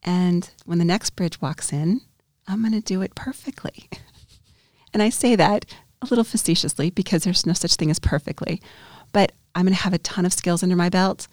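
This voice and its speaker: A woman's voice: lowish voice, fairly quick, darkish tone, no echo, studio quality. A woman dentist co-hosting a podcast, talking candidly and reflectively in a casual conversation. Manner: candid, reflective, with small restarts.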